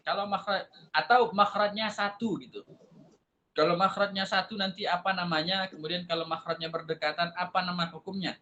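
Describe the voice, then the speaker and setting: Bright-voiced man teaching Quran recitation. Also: high-pitched, fairly even intonation, a little fast, highs cut off, slight background noise. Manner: demonstrates letter sounds by repeating syllables; explanatory, asks and answers his own questions. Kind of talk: tajwid lesson.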